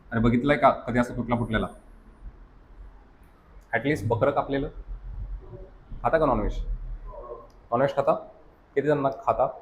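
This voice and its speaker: Marathi-accented male lecturer, mid-pitched, coaching-class style, quizzes the room, light room hiss. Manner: constantly checks understanding with quick questions to the class; mixes English terms into Marathi teaching. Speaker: science teacher at a coaching academy.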